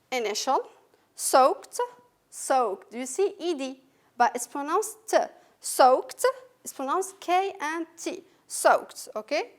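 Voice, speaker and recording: Slow, high-voiced woman teaching English. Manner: slow, patient, repeats words and letters for learners. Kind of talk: recorded classroom lesson.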